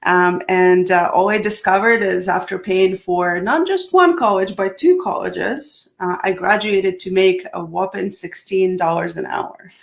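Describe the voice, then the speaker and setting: A woman's voice: medium pitch, a little slow, gravelly, hardly any pauses. A woman from Russia, a guest in a casual video interview, upbeat and telling her story. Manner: upbeat, laughs often, storytelling.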